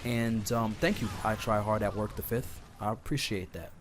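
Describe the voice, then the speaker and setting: The host of an online talk series, hoarse from being sick, gives rambling advice while a video game plays, speaking informally and addressing his listeners directly. His pitch is fairly low, his tone steady, and his pace moderate. Background noise comes through clearly, along with game sounds.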